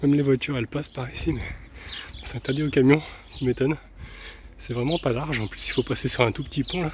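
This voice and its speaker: A man from France filming a casual travel vlog outdoors on a handheld camera, chatty and relaxed, with soft laughs and hesitant fillers. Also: mid-range voice, fast talker, a little hiss or hum. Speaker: travel vlogger. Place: outdoors, walking around a van and an old town.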